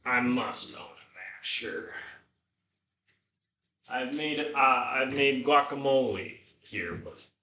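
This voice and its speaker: A man's voice: medium pitch, slow pace, pauses often, pushed and bright. A man talking casually to himself as he cooks at home, sweary and slangy, in an exasperated mutter. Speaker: home cook vlogger. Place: indoors in a home kitchen. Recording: echoey room, distant microphone.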